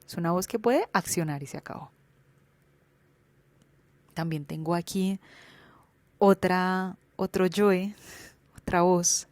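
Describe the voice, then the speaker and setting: A woman's voice: fairly low pitch, darkish tone, no echo. A young Colombian woman with a Colombian accent, speaking candidly and colloquially in a reflective personal monologue as a podcast host, swearing freely.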